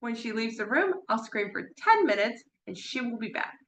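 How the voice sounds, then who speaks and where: A woman voicing a parrot that is pleased its screaming gets results, as a quick aside in a talk. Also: a little high, big pitch swings, a bit bright, a little hiss or hum. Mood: gleeful. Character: parrot gleeful that screaming works. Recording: echoey room.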